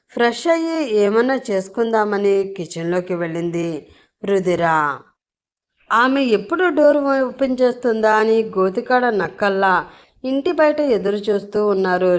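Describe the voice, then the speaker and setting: Woman narrating a story. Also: medium pitch. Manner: steady, expressive storytelling.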